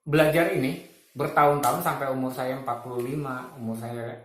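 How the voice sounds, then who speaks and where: A man's voice: mid-range voice, steady tone, fairly quick, echoey room. A man in his fifties giving spiritual reflections in a casual, colloquial way, often chuckling as he makes his points. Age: 50s.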